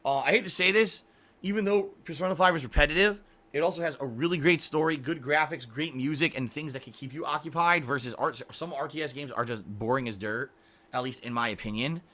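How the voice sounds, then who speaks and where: Man, middle-aged, livestream chat, rambling, throat clearing, bright tone. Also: a little high, brisk. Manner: rambling, restarts often, clears throat a lot. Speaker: streamer. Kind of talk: casual livestream chat reading viewer messages.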